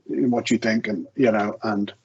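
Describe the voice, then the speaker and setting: Low-ish, gravelly and darkish in tone, a man's voice holds a fairly even intonation at a measured pace over slight background noise. He's a guest author in an interview at an online video event, conversational yet hesitant, self-correcting, often restarting with stammers as he thinks aloud. The recording is muffled lo-fi call audio.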